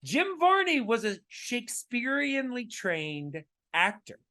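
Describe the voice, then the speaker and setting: A man co-hosting a podcast in casual chat, his voice raspy, talking emphatically with many fillers and restarts. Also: very high-pitched, wildly swooping pitch, slow pace, sharp tone. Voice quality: raspy today. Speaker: podcast co-host.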